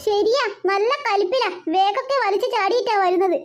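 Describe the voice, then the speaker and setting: A woman's voice: very high voice, fairly quick, faint music behind. A woman voicing a bossy big sister in a cartoon, teasing and know-it-all. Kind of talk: cartoon voice acting.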